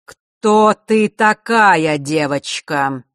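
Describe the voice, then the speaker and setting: A woman voicing a stern, imposing old man who rules, speaking slowly and gravely in an audiobook. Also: low voice, lively intonation, a bit bright, no echo, studio quality, full character voice. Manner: slow, grave, commanding.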